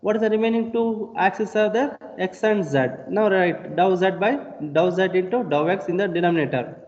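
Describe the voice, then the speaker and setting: A man's voice: sits high, moderate pace, darkish tone. Man lecturing over a lo-fi call. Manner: repetitive explanatory teaching, asks rhetorical questions. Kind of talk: online engineering lecture. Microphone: video call. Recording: dull lo-fi call audio with long reverb.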